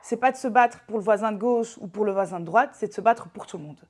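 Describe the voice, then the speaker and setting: Woman in her thirties explaining calmly. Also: medium pitch. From Belgium. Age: 30s. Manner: measured, explanatory, with frequent hesitations. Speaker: politician guest. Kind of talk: interview answers.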